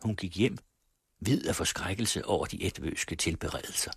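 Low husky guy reading a novel on the radio, dry close sound, measured. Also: fairly bright tone, no echo. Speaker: radio reader.

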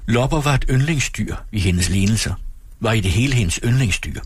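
Low husky man reading a novel aloud. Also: animated, dry recording. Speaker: radio host reading aloud.

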